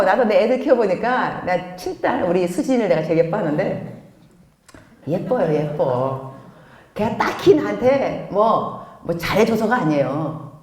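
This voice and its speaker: A middle-aged woman pastor giving a lively sermon, telling stories with acted-out dialogue. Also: medium pitch. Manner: animated storytelling with acted quotes and laughter. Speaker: pastor and missionary. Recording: echoey hall.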